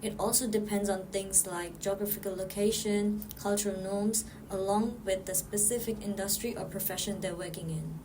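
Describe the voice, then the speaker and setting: A woman's voice: medium pitch, steady tone, moderate pace, hardly any pauses, noisy background. A woman from Nepal, a student presenter reading her prepared answers in a podcast, earnest and note-bound.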